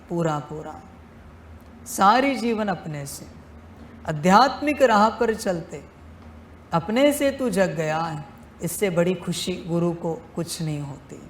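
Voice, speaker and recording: Speaking as a fatherly guide who calls listeners his children, a male spiritual teacher gives a devotional discourse, measured and full of repeated phrases for emphasis. The voice is high and a bit bright, heard in a roomy space with a little hiss or hum.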